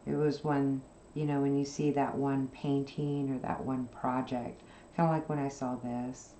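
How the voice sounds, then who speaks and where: A soft-spoken woman with a very low, mellow voice chats casually while she sews, wandering between topics at an unhurried pace. She sounds like she is in a roomy space, with a faint hum of noise behind her. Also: little pitch movement. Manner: rambling, soft-spoken, with frequent fillers. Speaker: craft channel host. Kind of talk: casual chat while sewing.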